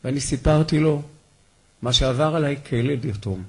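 A man giving a memorial talk, telling heartfelt, animated stories about his rabbi. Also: medium pitch, slightly rough.

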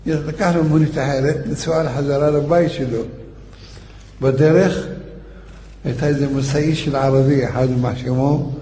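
A man's voice: a little high, dark tone. A man giving a eulogy sermon, telling a story in an emphatic, fervent way. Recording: echoey hall, faint background noise.

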